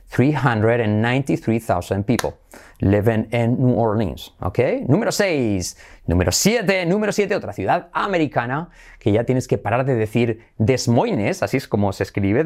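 A Spanish man with a mid-range, darkish voice and a Spanish accent teaches English pronunciation in a bilingual lesson. He's playful, repeating words with exaggerated emphasis.

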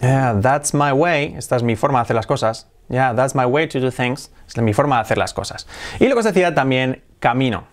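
A man's voice: medium pitch, expressive. Man teaching English. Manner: switches between Spanish and slow English examples. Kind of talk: bilingual English lesson.

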